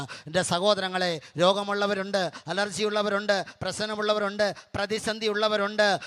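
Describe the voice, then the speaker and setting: A man with a Malayali accent leads a prayer meeting in a fervent, exhorting preacher's voice. His voice sits high and sounds bright and ringing. He calls out to the congregation, urging them to praise and pray louder. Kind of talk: Pentecostal-style charismatic sermon and prayer.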